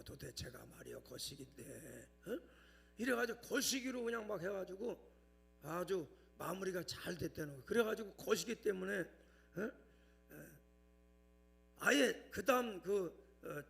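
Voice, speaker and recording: Middle-aged pastor guy preaching, high gravelly voice, folksy, keeps asking for amens. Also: a bit bright. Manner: folksy preaching with calls for amen and hallelujah; tells a humorous anecdote in a lowered, chatty tone. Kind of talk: sermon.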